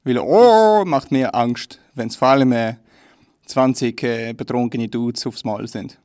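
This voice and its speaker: A man's voice: mid-range voice, unhurried, a little mellow, no echo. A young man with a Swiss German accent, telling dry, self-deprecating stories in casual chat. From Switzerland.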